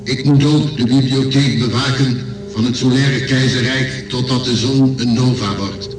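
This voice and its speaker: A man acts a programmed guardian machine in a science fiction radio play. The voice is formal and mid-pitched, set in an echoing space with music underneath. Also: steady tone, moderate pace, close to an everyday voice. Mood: impassive. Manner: formal, impassive, matter-of-fact. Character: programmed robot guardian of an imperial library. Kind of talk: radio drama acting. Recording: echoey radio drama with music bed.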